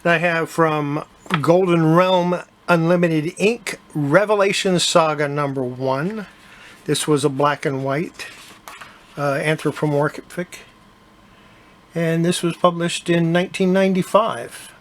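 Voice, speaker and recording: An older man hosting his own collecting channel, casually showing items from his collection with a relaxed, chatty manner. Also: on the high side, slow pace, a little hiss or hum. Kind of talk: casual collection show-and-tell.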